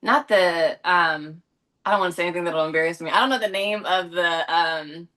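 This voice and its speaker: With a lowish, slightly bright voice at a moderate pace, a young adult actress from Los Angeles chats through interview questions as a guest, often using fillers and correcting herself.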